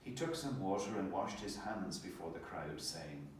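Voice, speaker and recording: A man reading the Gospel solemnly as narrator, in a measured, formal manner. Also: sits low, lively intonation. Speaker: clergy reader, Gospel narrator. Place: hospital chapel. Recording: echoey, distant mic, faint ambient noise.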